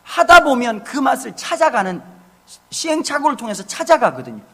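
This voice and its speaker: A middle-aged man preaching in a church, with a high voice that leaps up and down as he tells funny stories about his family. His voice is husky, and he drops into short acted quotes of his wife and kids. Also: a little fast. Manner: humorous, animated storytelling with acted family quotes. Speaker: pastor. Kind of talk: sermon. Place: church sanctuary.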